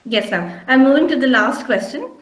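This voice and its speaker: A woman's voice: high voice, lively intonation, moderate pace, a bit bright. A woman moderating a webinar Q&A in a polite, formal way over a video call. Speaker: question-and-answer moderator. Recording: echoey room.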